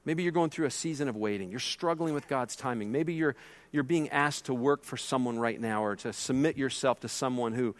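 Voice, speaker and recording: A middle-aged man preaching a sermon as pastor, emphatic and swinging between loud and hushed delivery. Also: medium pitch, fairly quick.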